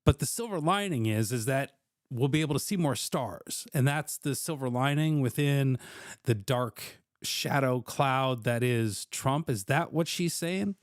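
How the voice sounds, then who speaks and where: A man's voice: mid-range voice, a little slow, no room sound, clean studio sound. A man hosting a casual reaction commentary, often repeating words as he stumbles, and swearing now and then. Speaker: commentator host.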